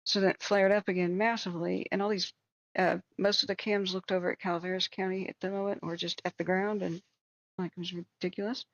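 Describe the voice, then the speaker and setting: A woman's voice: lowish voice, little pitch movement, fairly quick, no echo, muffled recording. A woman hosting a live stream, giving informal, rambling commentary in a conversational way. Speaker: live stream host tracking wildfires.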